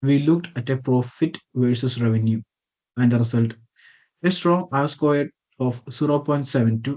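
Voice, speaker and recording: A man's voice: medium pitch, mellow. Man presenting over a muffled video call. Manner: reads from a script with small slips and self-corrections. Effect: heard over a video call. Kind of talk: reading a prepared slide presentation.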